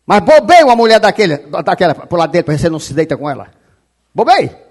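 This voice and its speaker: A man preaches a fiery sermon in a very high voice. He shouts and scolds his listeners, and his pitch swings wildly from phrase to phrase. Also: big pitch swings, fast talker. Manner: shouting, scolding, repeating "rapaz"; quotes scripture aloud. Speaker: pastor.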